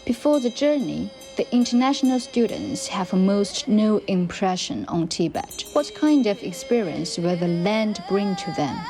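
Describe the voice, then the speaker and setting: A woman reading scripted documentary narration in a measured, even way. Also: mid-range voice, over music.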